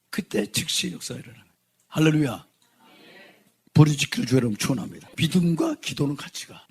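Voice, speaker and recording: A male pastor giving a fervent sermon, moving from quiet talk to shouted proclamations. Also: on the high side, breathy edge.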